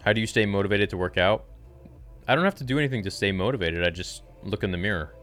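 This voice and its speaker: Guy, 20s, fitness host, very deep voice, laid-back live Q&A. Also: fast talker, fairly bright tone, soft background music. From Canada. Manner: casual, laid-back, reads viewer questions aloud then answers. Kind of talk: live-stream Q&A chat.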